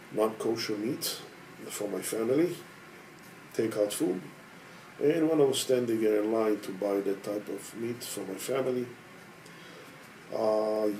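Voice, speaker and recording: Measured man in his sixties, dark voice. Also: mid-range voice, creaky, slight background noise, rough recording. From Israel. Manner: measured, hesitant with frequent pauses. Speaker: organization head. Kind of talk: personal testimony.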